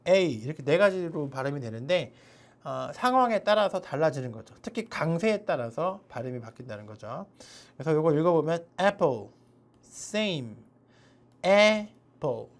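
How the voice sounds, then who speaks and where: A woman teaching an online English pronunciation lesson, explaining and demonstrating letter sounds slowly and repeatedly. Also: on the low side.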